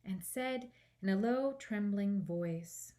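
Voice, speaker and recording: A woman reading a children's audiobook aloud as a storytime librarian, in an expressive narrating style. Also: medium pitch, slow.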